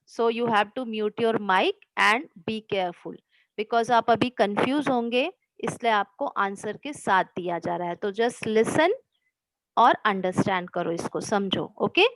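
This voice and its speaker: A woman teaching children English grammar online, explaining slowly and patiently, mixing Hindi and English, with encouraging words. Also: a little high, no room sound, low-quality recording.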